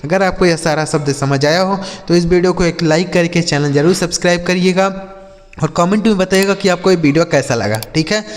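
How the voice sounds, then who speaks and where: Man teaching English words, slow and careful. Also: a little high, big-room sound, slight background noise. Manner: spells words letter by letter, slows down for English example sentences. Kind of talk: spelling and word-meaning lesson.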